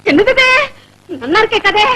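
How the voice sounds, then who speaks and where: A bossy meddling auntie. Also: female voice, expressive, moderate pace, bright, forceful tone, exaggerated voice, rough recording. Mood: indignant. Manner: scheming, scolding, theatrical swoops in pitch. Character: bossy meddling middle-aged woman neighbour. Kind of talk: 1970s Tamil film comedy acting.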